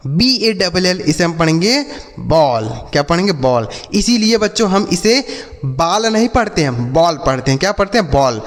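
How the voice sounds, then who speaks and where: A man teaching English phonics to a class, spelling words out slowly and asking the class questions that he answers himself. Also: high voice, very animated, in a large hall. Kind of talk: classroom lesson.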